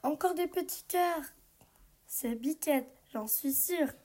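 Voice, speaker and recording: A woman voicing a curious, excited little girl who hunts for clues in a storybook, exclaiming eagerly. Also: sits high, slow pace, voice pushed up.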